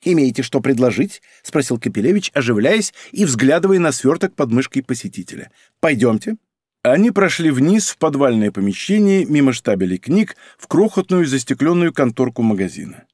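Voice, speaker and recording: Expressive man reading an audiobook. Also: medium pitch, brisk, hardly any pauses, no room sound, clean studio sound. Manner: expressive, character-acting reader. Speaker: audiobook narrator. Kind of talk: scripted audiobook narration.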